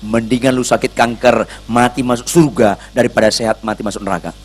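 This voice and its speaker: A man's voice: mid-range voice, fairly even intonation, fairly quick, breathy edge. A male pastor preaching a sermon in a blunt, scolding, slangy manner, acting out the people in his stories.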